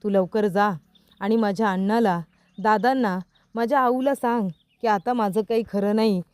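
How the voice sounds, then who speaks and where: A woman's voice: medium pitch, fairly even intonation, normal speed, darkish tone, clear, resonant tone, no room sound, natural voice. A woman voicing a young husband who teases his wife and then patiently explains, asking rhetorical questions. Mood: pleading. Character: young man, teacher, teasing then earnest.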